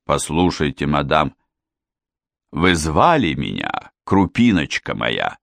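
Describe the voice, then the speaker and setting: A fawning, smarmy prince drawls his words slowly in a deep voice. A male narrator voices him in a dry, close read. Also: huge pitch swings, gravelly, a bit bright, no room sound, heavily acted. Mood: unctuous. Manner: unctuous, drawling. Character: smarmy, ingratiating foreign prince, middle-aged.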